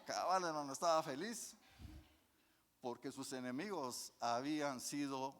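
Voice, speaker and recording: A man preaches to his congregation in a church, and his voice trails off into a long reverb. He sits at a middling pitch and talks in a folksy way, tossing out questions and answering them himself. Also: unhurried, fairly bright tone. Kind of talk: sermon. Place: church hall.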